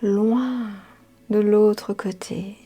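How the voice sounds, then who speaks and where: A woman leading a guided meditation in a soft, half-whispered voice, soothing, with drawn-out phrases and long pauses. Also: mid-range voice, steady tone. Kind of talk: slow guided hypnotic meditation. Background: music.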